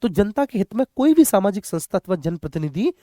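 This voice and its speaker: A very animated, fast-talking man with a high, dark-toned voice teaches in a dry, studio-quality recording. His question-and-answer exam prep lesson addresses students directly with check-ins, repeats key points instructively, and mixes in English terms.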